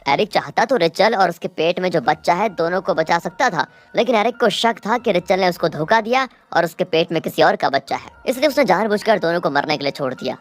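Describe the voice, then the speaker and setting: A woman with a low voice retells a movie's plot in a dramatic storytelling manner. She talks to viewers directly, as if to friends. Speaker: movie recap narrator.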